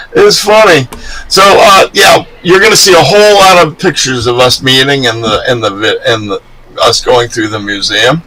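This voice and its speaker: A man co-hosting a live stream, telling a story in a casual, animated way and laughing often. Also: medium pitch, moderate pace, low-quality recording. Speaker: co-host.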